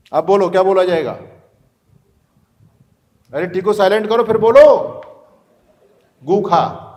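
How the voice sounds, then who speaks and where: Man, high voice, preachy moral lecture to schoolchildren, rhetorical questions. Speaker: speaker addressing students.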